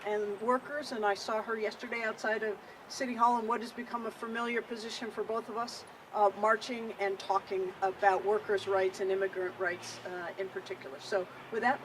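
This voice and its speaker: A woman's voice: a little high, steady tone, fairly quick, hardly any pauses, noisy background. A woman hosting a rally, thanking the crowd and introducing speakers with many fillers. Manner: appreciative, filler-heavy. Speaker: event host. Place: outdoors at a public rally.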